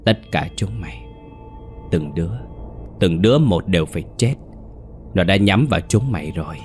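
A possessed boy, played by a man, laughs wildly and spits out menacing threats. The voice sits deep and low, like a spirit speaking through a child in a ghost story. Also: lively intonation, moderate pace, faint music behind.

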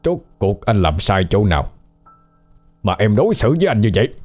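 A man's voice: lowish voice, very animated, normal speed, darkish tone, soft background music. A man voicing a hot-tempered gangster husband, harsh and scolding. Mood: hurt accusing.

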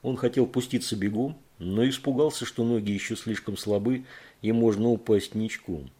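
A man reading a thriller audiobook in measured, even narration. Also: lowish voice, slightly rough.

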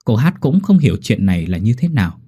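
A male storyteller, narrating a script with animated, expressive delivery. His voice is low and mellow, with a husky texture and lively pitch. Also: quick pace.

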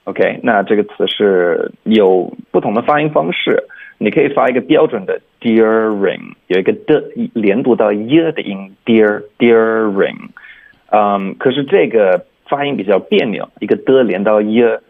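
A man with a lowish, husky voice, heard through a thin, phone-like radio line. He explains word sounds and meanings in a relaxed, unhurried manner, slipping English words in as he teaches. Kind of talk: radio language lesson, explaining pronunciation.

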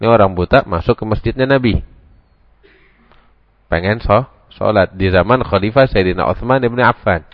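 A man with a Jakarta Betawi accent giving a humorous preaching lecture, acting out the characters in his story with sudden jumps in pitch. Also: normal speed, pauses often, no echo. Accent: Jakarta Betawi Indonesian. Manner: animated, acts out characters with sharp pitch jumps. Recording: dry, dull lo-fi recording.

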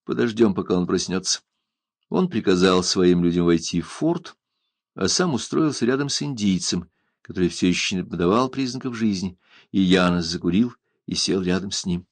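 A man narrating an adventure novel aloud in an expressive, dramatic reading. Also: low-pitched, moderate pace, dry recording. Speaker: audiobook narrator. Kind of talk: scripted narration.

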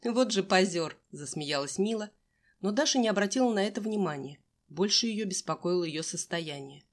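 Reading a young-adult audiobook, this woman narrates briskly in a fairly low, expressive voice. She acts out the dialogue, giving every character their own voice.

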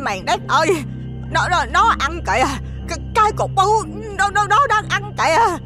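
A man voicing a nosy, superstitious old village woman with a Southern Vietnamese accent, loud and chattering. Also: sits high, very animated, moderate pace, over music, voice pushed up. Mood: frightened.

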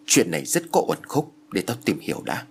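A man voicing a quick-witted, hot-tempered middle-aged aunt in a spoken horror story. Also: mid-range voice, sing-song, gravelly, a little mellow, slight background noise. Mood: wary. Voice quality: blunt, impatient.

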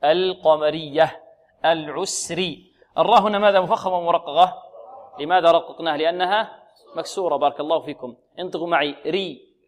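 Quran teacher drilling slow recitation. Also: male voice, fairly high pitch. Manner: drills pronunciation, repeats words slowly, asks students questions. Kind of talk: tajweed lesson with recited examples.

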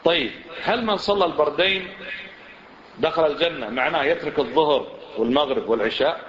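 Fast-talking religious teacher. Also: male voice, fairly high pitch. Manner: lively, quizzing listeners with rhetorical questions. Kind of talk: religious lesson lecture. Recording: echoey room, dull lo-fi sound.

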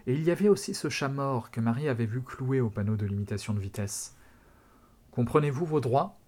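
A podcast host reading a novel excerpt aloud in a steady, measured way. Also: male voice, mid-range voice. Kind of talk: dramatic read-aloud narration.

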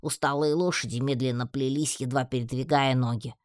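A man narrating a fantasy audiobook in the first person, in an even storytelling manner. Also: medium pitch, fairly quick, dry recording, studio quality. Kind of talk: scripted narration.

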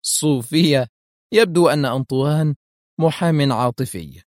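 A man's voice: on the high side, normal speed, no echo, studio quality, close to an everyday voice. Man reading a cool, unflappable secret agent. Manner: calm, wry, firm.

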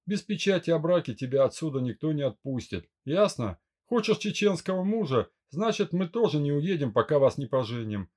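A man's voice: fairly high pitch, big pitch swings, a little fast, few pauses, darkish tone. A man reading a domineering older brother in an audiobook, growling out commands. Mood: gruff commanding. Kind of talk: audiobook character voice.

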